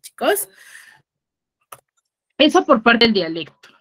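A woman's voice: fairly high pitch, big pitch swings, slow, a bit bright. A woman with a Peruvian accent from Huaraz, a secondary school teacher explaining a lesson in an online class and often checking with her students. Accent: Peruvian Spanish, Huaraz. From Peru. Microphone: video call.

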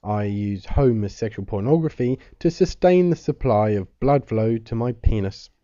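A man mimicking his friend as a stiff, deadpan, pompous young man. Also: mid-range voice, moderate pace, no echo, dull audio, pitched below the performer's own voice, lightly acted.

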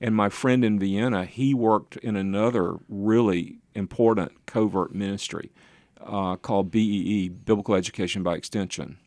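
A man's voice: fairly low pitch, fairly even intonation, moderate pace, darkish tone, no room sound. An older man, a pastor being interviewed, telling stories in a rambling, self-deprecating way with chuckling asides. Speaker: pastor and author, guest. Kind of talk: conversational interview storytelling.

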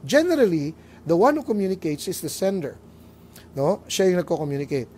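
A middle-aged Filipino man delivers a family talk with a lively, swinging pitch. He tells stories, acts out little voices and drops in English phrases. Faint noise hums behind him. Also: moderate pace. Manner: animated storytelling, acting out voices, mixing English phrases. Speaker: lay preacher.

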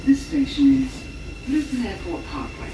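A woman making automated onboard train announcements in clipped, evenly recorded phrases over a loudspeaker. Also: very animated, moderate pace. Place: inside a moving train. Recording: echoey loudspeaker from far off. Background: train rumble and carriage noise.

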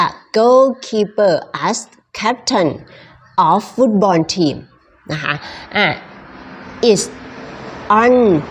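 A woman leads a pronunciation lesson at an unhurried pace, with a voice of middle pitch. She repeats each English word several times and adds polite particles throughout. Her tone stays patient and instructive. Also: husky.

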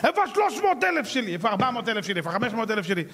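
A man's voice: sits high, big pitch swings, creaky, a bit bright, voice pushed up, heavily acted. A man voicing an impatient creditor who insistently demands his money in a raised voice. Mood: demanding.

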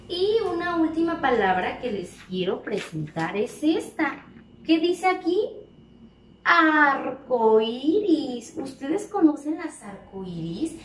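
A woman with a high-pitched, darkish voice teaches preschoolers slowly and with exaggeration, drawing out each word and asking sing-song questions. She's heard from a distance in an echoey room with faint background noise.

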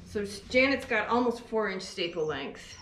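A woman's voice: mid-range voice, lively intonation, moderate pace, a bit bright, a little hiss or hum. Chatty woman talking in an echoey barn. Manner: chatty, enthusiastic, explains as she works. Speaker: sheep farmer and fleece seller. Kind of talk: casual demonstration while working. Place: indoor barn by a fleece-skirting table. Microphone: camera on tripod a few feet away. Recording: echoey barn with faint ambience.

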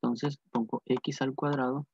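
A man's voice: medium pitch, little pitch movement, normal speed, darkish tone, a little hiss or hum. Repetitive man tutoring math. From Peru. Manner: repetitive, asks and answers his own questions. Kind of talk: whiteboard math lesson. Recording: dull lo-fi dry sound.

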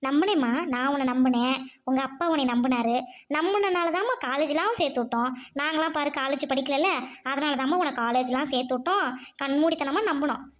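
A woman's voice: high voice, a little fast, natural voice. A woman playing a worried village mother who scolds her daughter with stern but loving emotion. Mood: anguished scolding. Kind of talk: amateur audio drama.

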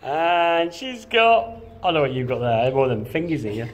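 A man's voice: on the high side, sing-song, moderate pace, a crowd in the background. A man filming by a canal, chatting and teasing with a laugh in his voice, recorded on a handheld camera outdoors. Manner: jokey, laughs often, teasing. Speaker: cameraman and magnet fishing partner. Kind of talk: casual outdoor banter.

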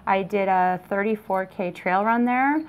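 A woman's voice: mid-range voice, a little slow, smooth. A woman in her thirties, a radio personality, chatting easily as an interview guest. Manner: relaxed, easygoing storytelling. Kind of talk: casual interview. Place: apartment by a window, indoors. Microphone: lapel mic.

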